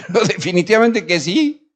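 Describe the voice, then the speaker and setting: Male pastor, sermon delivery, high pitch, rhetorical and shifting in volume. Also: big pitch swings, moderate pace. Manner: preaching with rhetorical questions and shifts between loud and quiet. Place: church.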